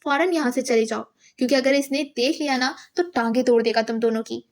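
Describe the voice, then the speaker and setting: A woman's voice: high voice, brisk. A woman voicing a cold, threatening middle-aged stepmother in a storybook reading.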